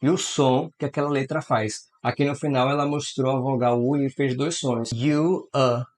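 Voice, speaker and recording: A man gives an English lesson, his voice sitting at an ordinary middle pitch. He talks in a lively, exclamatory way. He stretches out single letters and vowel sounds slowly so learners can copy them. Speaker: English teacher. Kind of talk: explanatory language lesson.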